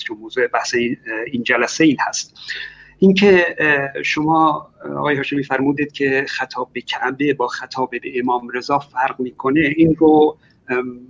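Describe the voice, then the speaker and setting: A man arguing his side in an online debate, speaking in a measured way and pausing often with filler sounds. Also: medium pitch, muffled recording, slight background noise. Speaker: debater arguing against religion.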